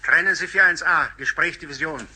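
A brisk military officer in a war radio play. The voice is high, piercingly bright and rough, squeezed through an antique candlestick telephone as he gives clipped dictation. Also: exaggerated voice. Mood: curt, urgent. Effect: old candlestick telephone filter.

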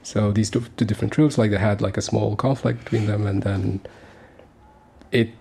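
A man's voice: fairly low pitch, level tone, moderate pace, vocal fry, mellow, a little hiss or hum. A man in his thirties from Sudan, speaking as a guest on a community radio interview, earnest and hesitant with many fillers and restarts. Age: 30s.

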